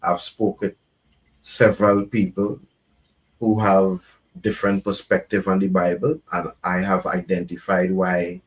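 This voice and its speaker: A man from Trinidad and Tobago, a reggae artist and guest, speaking at length in a measured, earnest way. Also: deep voice. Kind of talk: reflective conversation.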